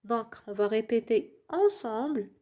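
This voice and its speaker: In a relaxed French lesson explained in Arabic, a woman speaks unhurriedly in a fairly high, expressive voice with a dark tone. She's patient and encouraging, regularly checks the listener understands, and occasionally whispers to model how words sound.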